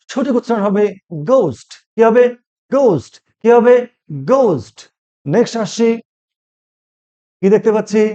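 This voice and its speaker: A man's voice: sits high, warm tone, muffled recording. A male spoken English teacher who speaks Bengali as his first language, giving a pronunciation lesson and repeating each word while quizzing the listener. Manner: repeats words and quizzes the viewer.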